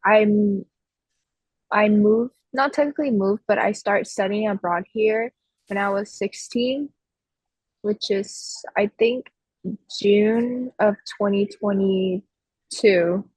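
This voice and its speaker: A young woman from Vietnam, answering interview questions with pauses and self-corrections. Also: mid-range voice, darkish tone, breathy edge, dry recording, low-quality recording. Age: young adult.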